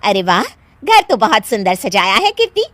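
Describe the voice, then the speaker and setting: A woman's voice: medium pitch, very animated, moderate pace, no echo, close to an everyday voice. A woman voicing chatty middle-aged friends who gush with praise. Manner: gushing praise.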